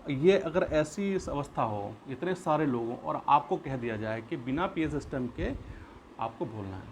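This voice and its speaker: Speaking at normal speed, a man with an expressive, medium-pitched voice teaches a classroom-style lesson. As a school teacher, he goes over points again in new words and asks questions only to answer them. There is clear background noise.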